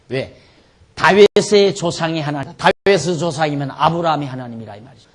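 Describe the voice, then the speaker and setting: A middle-aged man preaching an expository sermon as pastor, emphatic, asking rhetorical questions and swinging between loud and soft. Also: on the high side.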